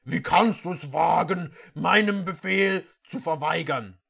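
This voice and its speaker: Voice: medium pitch, lively intonation, measured pace, bright, forceful tone, exaggerated voice. A reader voicing a possessive, brooding male half-unicorn prince, pushy and commanding in a mock-dramatic reading.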